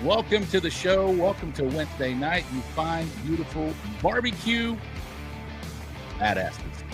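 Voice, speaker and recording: A man's voice: fairly high pitch, very animated, a little slow, over music. A man hosting a live show in casual, informal chat, earnest and a little hesitant. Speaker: podcast host.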